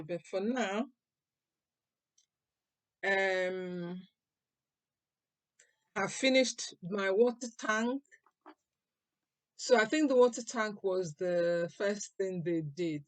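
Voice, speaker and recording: An older woman chats to her vlog viewers at a slow, easy pace, pausing often with fillers as she thinks. Her voice sits a little low. The recording is dry and close. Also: no room sound. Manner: chatty, unhurried, with frequent pauses and fillers. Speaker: vlogger. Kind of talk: casual vlog talk to camera.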